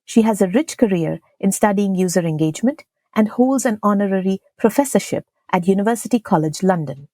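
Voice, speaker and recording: A woman's voice: mid-range voice, expressive, brisk, few pauses, warm tone, no echo. A woman hosting a podcast, reading a guest introduction and asking conversational interview questions. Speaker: podcast host.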